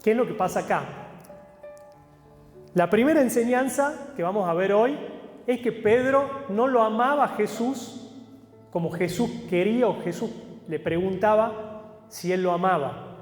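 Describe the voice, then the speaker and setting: A man preaching, his voice sitting high for a man. He walks his listeners through a passage like a patient teacher, stopping to ask them questions. The sound carries a long echo of a large hall, with soft music underneath. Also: expressive, measured pace, long pauses. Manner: teacherly, explains step by step with questions to the congregation. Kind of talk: sermon with Bible reading. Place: church hall. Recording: echoey hall with faint music.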